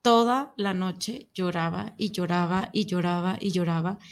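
A woman's voice: fairly low pitch, unhurried. A woman, a talk show guest, candidly and emotionally recounting a personal experience. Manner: emotional, candid, animated retelling. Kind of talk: personal storytelling.

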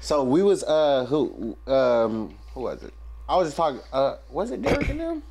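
A man's voice: mid-range voice, sing-song, normal speed, creaky, darkish tone. A man in his early twenties chatting casually as a podcast co-host, rambling with lots of fillers. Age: 20s. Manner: rambling, filler-heavy, restarts often. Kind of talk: casual chat.

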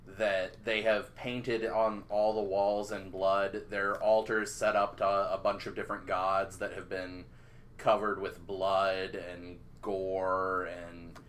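A man narrating as game master of a tabletop role-playing game, describing scenes in a measured, drawn-out way. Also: low-pitched, fairly bright tone, a little hiss or hum.

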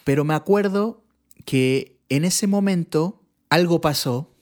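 A man from Chile, a church bass player, telling his testimony in a relaxed chat and acting out the people he quotes. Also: slow pace. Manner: animated, acts out the people he quotes. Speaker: guest sharing his testimony. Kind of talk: casual storytelling.

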